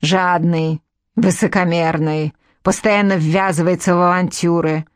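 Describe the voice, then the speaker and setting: A blind, ill-tempered old crone growls out her words slowly and with scorn, as a woman reads her in an audiobook. The voice sits low and is recorded dry and close, with no room around it. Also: fairly even intonation, dry recording, close to an everyday voice. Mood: scornful. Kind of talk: audiobook character reading.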